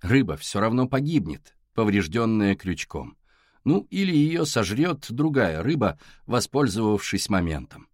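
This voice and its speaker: A man narrating a novel aloud in a scripted, expressive reading. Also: lowish voice, a little slow, dry recording, clean studio sound. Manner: expressive reading with acted dialogue. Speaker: audiobook narrator.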